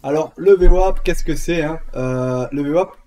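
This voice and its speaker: A man's voice: fairly high pitch, measured pace, mellow. Chatty man with a southern French accent. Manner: chatty, many fillers and repeated words. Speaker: trading educator. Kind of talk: casual screen-share tutorial.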